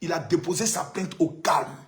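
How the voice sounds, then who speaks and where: A man ranting and mocking someone on a live stream, with sing-song taunts and loud shouted calls. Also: on the high side, moderate pace.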